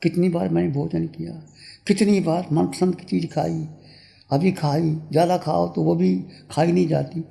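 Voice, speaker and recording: An older man, a spiritual teacher, giving a sermon and leading a guided meditation in a slow, repetitive, meditative cadence with a gravelly voice. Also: on the high side, steady tone, warm tone, big-room sound.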